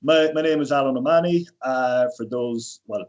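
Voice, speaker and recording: A man from Ireland in his thirties, a personal trainer, rambles casually as a guest on a podcast, full of fillers and false starts. He speaks at a normal speed with a mid-range, darkish voice, and the recording is muffled.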